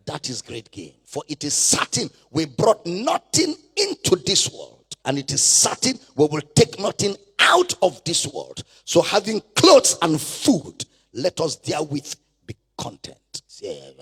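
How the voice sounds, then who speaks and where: Male pastor, high lively pitch, gravelly; emphatic, mocking sermon delivery. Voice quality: gravelly, husky. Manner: mocking, emphatic, scripture-quoting. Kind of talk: sermon rebuttal.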